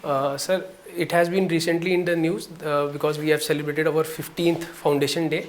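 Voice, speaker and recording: Young guy from jammu and kashmir in a mock interview, polite, lots of uhs, slightly high voice. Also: flat delivery, slight background noise. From Jammu and Kashmir, India. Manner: polite, deferential, hesitant with many pauses. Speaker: interview candidate.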